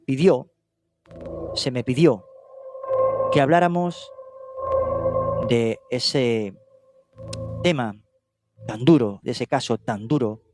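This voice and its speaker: A man from Spain, though not from Catalonia, narrates a true-crime case in documentary style over background music. His mid-range voice moves at a slow pace with long pauses, and he reads steadily, with small hesitations and self-corrections.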